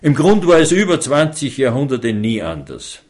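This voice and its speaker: A man preaching a sermon, slow and emphatic, stressing single words and repeating phrases. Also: mid-range voice, big pitch swings, darkish tone.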